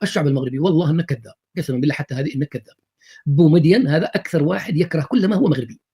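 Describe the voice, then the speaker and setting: A man's voice: on the high side, very fast, slightly rough. A man giving sarcastic reaction commentary on TV clips, mocking and repeating phrases. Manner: mocking, repetitive, animated.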